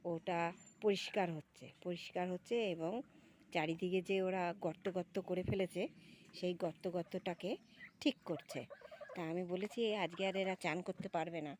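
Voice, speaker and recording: Woman, lowish voice, chatty home vlog outside on a phone, bit of faint noise behind. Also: moderate pace. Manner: chatty, fond and lively with her birds, often calling "look". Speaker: vlogger. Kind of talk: casual home vlog commentary.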